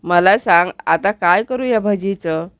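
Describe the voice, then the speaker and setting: A woman's voice: medium pitch, slow, smooth, no room sound, lightly acted. A woman voicing an easygoing, affectionate young husband in a TV serial recap, in her own voice. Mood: placating.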